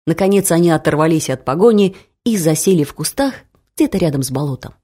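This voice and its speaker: A woman narrating a humorous family story for an audiobook, expressive and lively. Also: sits low, quick pace, breathy edge.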